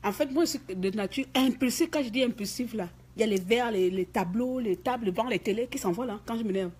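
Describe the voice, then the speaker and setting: A woman's voice: on the high side, quick pace, a little mellow, husky. A woman from Gabon, telling a story in an emphatic, indignant rant to her viewers, peppered with "hein". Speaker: vlogger. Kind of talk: ranting monologue to camera.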